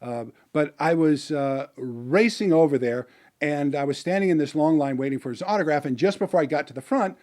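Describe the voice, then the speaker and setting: Mellow middle-aged man telling stories. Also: a little high, a little fast. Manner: rambling, with many fillers and restarts. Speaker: motivational business speaker. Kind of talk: personal storytelling monologue.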